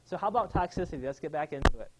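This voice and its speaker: Against a noisy background, a man with a slightly high voice talks in an animated, rapid-fire way. He's a chiropractor at a live health seminar, enthusiastically asking his audience questions.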